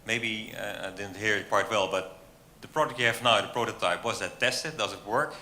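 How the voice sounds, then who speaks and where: A man's voice: lowish voice, moderate pace, sharp tone. A man on a jury putting a spontaneous question in a casual, plain-spoken way. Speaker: jury member asking questions. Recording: faint background noise at live event.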